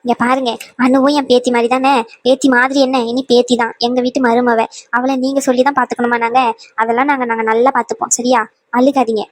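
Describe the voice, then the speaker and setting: A woman playing a sharp-tongued but kind cartoon grandmother who lectures the young and soothes the worried. The voice sits high and is recorded dry and close. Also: level tone, fast talker, no echo, natural voice. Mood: reassuring. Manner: scolding yet soothing, full of advice. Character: wise, scolding old grandmother. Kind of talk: cartoon voice acting.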